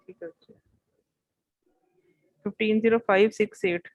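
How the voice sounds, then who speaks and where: Brisk woman teacher calling roll online. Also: mid-range voice, little pitch movement, gravelly, lo-fi sound. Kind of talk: online class roll call and lecture. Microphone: video call.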